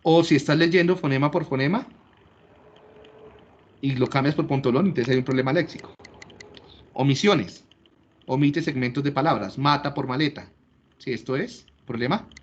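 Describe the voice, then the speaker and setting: A man's voice: mid-range voice, moderate pace, pauses often, dull audio. A man giving a classroom lecture, explaining step by step and often checking that listeners follow. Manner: explanatory, checks understanding with frequent rhetorical questions.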